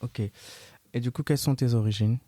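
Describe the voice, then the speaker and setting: A man's voice: mid-range voice, fairly even intonation, brisk, warm tone, no room sound. A man hosting an interview podcast, asking questions casually and often stopping to rephrase them mid-sentence. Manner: hesitant, restarts questions often. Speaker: podcast host.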